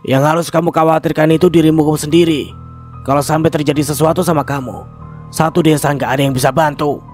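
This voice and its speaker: A man playing a grave old village shaman who speaks slowly and ominously. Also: fairly high pitch, steady tone, a little mellow, soft background music, close to an everyday voice. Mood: sharp.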